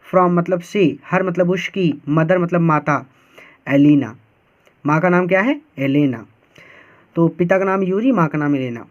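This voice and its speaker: A male teacher with a high voice works through a text at an unhurried pace, splitting it word by word and stopping to ask if it is clear. The sound is dull and lo-fi. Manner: slow, word-by-word explaining with frequent checks. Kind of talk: line-by-line lesson explanation.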